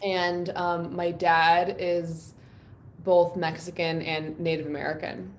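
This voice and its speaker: This New York City woman, a guest musician, reflects openly on personal matters during a casual live stream, filling pauses with plenty of ums and likes. Her lowish voice shows little pitch movement and a slow pace against a little hiss or hum.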